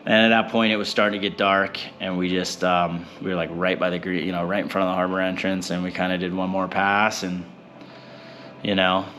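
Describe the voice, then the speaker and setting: A fishing boat captain, a man, telling a story in a rambling, animated way with many fillers. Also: low voice, slight background noise. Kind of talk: casual storytelling.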